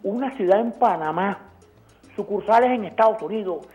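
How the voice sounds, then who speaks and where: A woman's voice: mid-range voice, moderate pace, dark tone, soft background music. A woman calling in to a radio show with her phone held away, so she sounds faint. She talks indignantly and stumbles over words. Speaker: radio call-in caller. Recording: dull, faint phone line.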